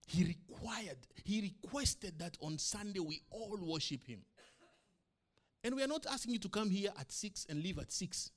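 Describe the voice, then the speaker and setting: Preaching to his congregation, a middle-aged pastor whose first language isn't English poses emphatic rhetorical questions, his volume rising and falling. His high-sitting voice is expressive, delivered at normal speed.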